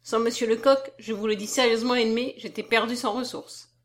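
A woman's voice: on the high side, brisk, close to an everyday voice. A confident young man who teases and lectures by turns, read by a woman. His tone sits between mockery and solemnity. It is a storybook part, close to the reader's own voice. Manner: lively, half mocking, half solemn. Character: young man, confident, teasing, self-assured suitor. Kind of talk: audiobook character voice.

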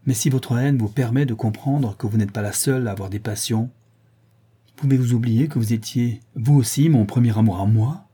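A man's voice: mid-range voice, moderate pace, mellow, slightly rough, natural voice. A man reading the part of a proud English major, pleading in an impassioned, declamatory way. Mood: anguished.

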